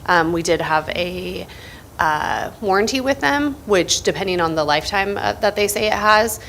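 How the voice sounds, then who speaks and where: A woman on a school board asking a question about upkeep, halting and hesitant. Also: lowish voice, lively intonation, fairly bright tone, slight background noise. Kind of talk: asking questions at a public meeting.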